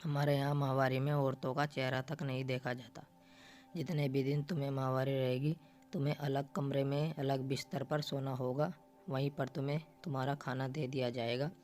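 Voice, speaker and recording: A woman's voice: a bass voice, level tone, normal speed, a little mellow, faint music behind. A man voicing a stern, traditional older mother-in-law in a storybook reading, scolding and insistent.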